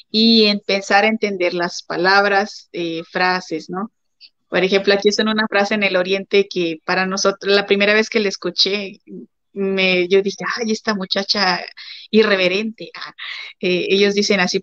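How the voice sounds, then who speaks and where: A woman's voice: mid-range voice, fairly bright tone, no room sound. Chatty Mexican woman guest. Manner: chatty, many fillers, acts out quoted voices. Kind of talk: casual testimony chat. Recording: dry, dull lo-fi sound.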